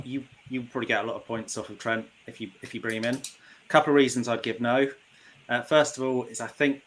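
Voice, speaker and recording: A man's voice: on the low side, fairly bright tone, a little hiss or hum, low-quality recording. A British man on a podcast panel, casually and methodically talking through his reasoning. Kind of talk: casual discussion.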